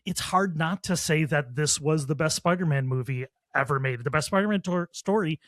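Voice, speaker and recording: A man's voice: on the high side, normal speed, fairly bright tone, dry recording. A man co-hosting a podcast who discusses films in a confident, opinionated way. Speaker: podcast co-host. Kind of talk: casual film discussion.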